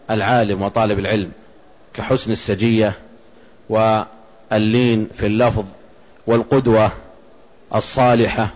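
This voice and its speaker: A man giving a measured religious lesson, explaining a text line by line and reciting verses and quotations. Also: medium pitch, darkish tone, muffled recording. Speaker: Islamic scholar teaching a text.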